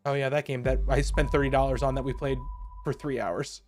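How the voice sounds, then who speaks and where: A man co-hosting a podcast, giving quick wry commentary while reacting live. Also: mid-range voice, little pitch movement. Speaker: podcast co-host. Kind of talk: casual live reaction chat.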